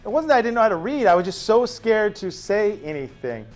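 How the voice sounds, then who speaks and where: It's the first day of class, and the male teacher's high, widely varying voice carries animated storytelling stretched out by long asides. Underneath, soft music plays quietly.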